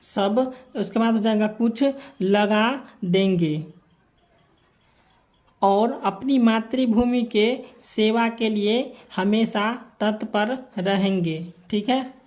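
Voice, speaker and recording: A woman's voice: medium pitch, darkish tone. A woman teacher from Bihar walking through textbook answers, repeating set phrases as she writes them out. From Bihar, India. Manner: slow, repeats formulaic phrases while writing answers. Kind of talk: homework answer walkthrough lesson.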